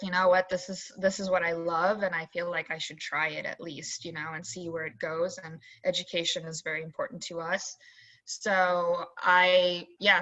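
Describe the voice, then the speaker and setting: A bright, clear young woman from Zambia talks in a chatty, rambling way, full of "um" and "like". Her voice sits a little low for a woman. The video-call audio is dull and lo-fi. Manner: chatty, animated storyteller with many "like" and "um". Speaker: assistant college golf coach, interview guest. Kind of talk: casual video-call interview storytelling.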